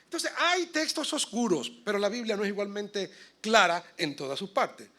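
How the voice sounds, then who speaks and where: Pastor guy preaching, high bright voice, goes from quiet to loud bursts, asks the church questions. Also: normal speed. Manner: animated preaching, swings between soft asides and loud emphatic bursts; addresses the congregation directly with questions. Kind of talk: sermon. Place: church sanctuary.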